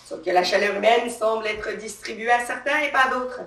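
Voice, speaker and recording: A woman's voice: a little high, fairly quick, fairly bright tone. A woman performing a theatrical, emphatic satirical monologue as a comic journalist character on a live stage. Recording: roomy live stage sound from a distance.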